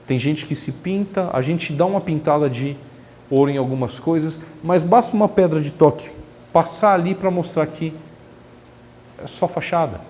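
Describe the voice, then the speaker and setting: A man's voice: a little high, moderate pace, a little mellow, big-room sound, slight background noise. A man giving a spiritist lecture in a chatty way, asking the audience rhetorical questions. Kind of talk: religious lecture. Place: lecture hall of a spiritist center.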